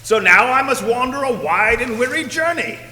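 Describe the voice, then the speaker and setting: A man playing the raspy, mock-solemn ghost of a dead business partner in a comic stage play, recorded in a reverberant hall. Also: very high-pitched, lively intonation, moderate pace, sharp tone, heavily acted. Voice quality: put-on raspy voice. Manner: theatrical, mock-solemn with jokes and laughter. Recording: roomy hall with long reverb, faint noise.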